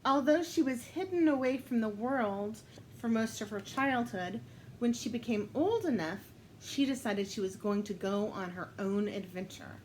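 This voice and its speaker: A woman telling a story aloud while playing a storytelling card game, unhurried and thinking aloud, often breaking into laughter. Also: a little high, expressive, noisy background. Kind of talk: casual storytelling game play.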